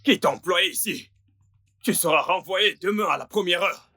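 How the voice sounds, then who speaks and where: A furious, threatening man in a dubbed film drama. He barks orders in a high, forceful, rough-edged voice. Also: normal speed, full character voice. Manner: aggressive barking of orders and threats. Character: furious, threatening man bullying household staff.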